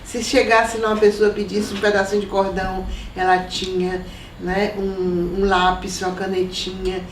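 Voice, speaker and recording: An older woman from Salvador, recalling her family in an oral history interview at an unhurried pace. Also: medium pitch, flat delivery, far from the mic. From Salvador, Brazil. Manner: reminiscing, unhurried, with soft laughs. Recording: echoey room, voice from off mic, faint noise.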